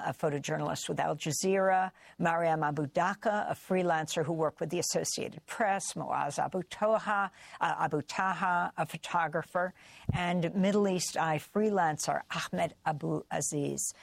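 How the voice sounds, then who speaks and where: A woman hosting a news program, asking measured questions and carefully reading out names and details. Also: fairly low pitch, gravelly, dry recording. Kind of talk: interview questions and intro.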